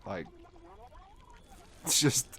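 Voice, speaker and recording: A man's voice: drawn-out words, pushed and bright. A drunk man giving a casual, comedic film review, rambling off script, exasperated and swearing often. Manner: drunk, getting drunker, rambling and losing his thread.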